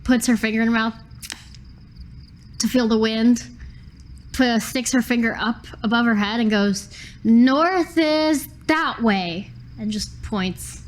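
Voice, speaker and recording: A woman's voice: fairly high pitch, little pitch movement, measured pace, pauses often. A woman playing a tabletop game, describing her character's actions in a playful, amused way. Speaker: player.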